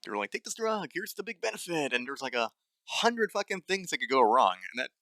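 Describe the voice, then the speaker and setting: A young adult man rants solo on his own nutrition podcast, blunt, angry and dry-voiced, swearing often and tripping over fillers and restarts. His voice sits on the high side with big pitch swings, a fairly quick pace and a bright, forceful tone, with no room sound.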